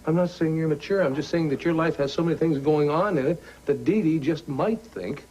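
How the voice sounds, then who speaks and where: A candid male friend in a television soap. His voice is husky and soft-edged, a little high for a man, as he gives advice. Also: a little fast, low-quality recording. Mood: earnest, tactful. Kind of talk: soap opera dialogue.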